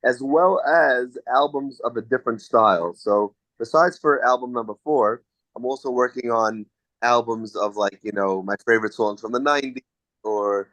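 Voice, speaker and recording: A man's voice: medium pitch, a bit bright, dry recording, poor audio. A man from the United States, a singer answering interview questions in a chatty, storytelling way with frequent restarts.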